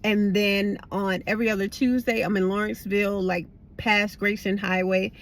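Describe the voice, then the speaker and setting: Sitting in a parked car, a tired middle-aged vlogger talks casually and candidly to her viewers, rambling along bluntly with plenty of slang. She has a slight lisp from wearing retainers. Her mid-range voice comes out flat at a normal speed.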